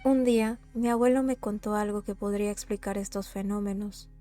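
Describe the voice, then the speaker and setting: A woman narrating true horror stories in a steady, scripted way. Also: medium pitch, fairly quick, music in the background.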